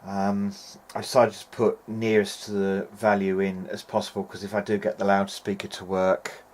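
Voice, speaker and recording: Speaking at a moderate pace in a fairly low voice, a hobbyist presenter describes restoring radios in casual bench talk. He's hesitant, puzzling things through aloud, and steady background noise is clearly present.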